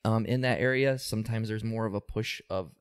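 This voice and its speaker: A man's voice: fairly low pitch, brisk, smooth. A man who works as an employment supervisor, explaining things steadily in an interview with frequent ums and small restarts. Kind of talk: interview answers.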